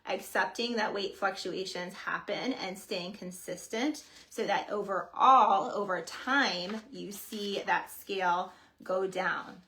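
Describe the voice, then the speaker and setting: A woman's voice: mid-range voice, slow, sharp tone, rough recording. A woman fitness coach co-hosting a casual coaching webinar, explaining tips step by step in a friendly way. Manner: explains step by step, friendly, tags points with "right?".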